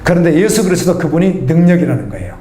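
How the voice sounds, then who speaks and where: A man's voice: a little high, very animated, quick pace, dark tone, roomy sound. A middle-aged man preaching a sermon as a pastor, talking conversationally and putting questions to the congregation. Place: church.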